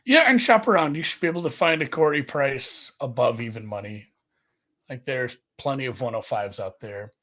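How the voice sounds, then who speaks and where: A man co-hosting a sports betting podcast, talking in a rambling casual way and correcting himself often. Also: moderate pace. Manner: rambling, self-correcting, lively jumps in pitch. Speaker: podcast co-host.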